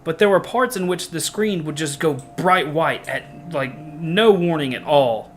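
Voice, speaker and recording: A man co-hosting a let's play, chatting casually and excitably, explaining the game to viewers. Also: on the high side, measured pace. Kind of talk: casual gameplay commentary.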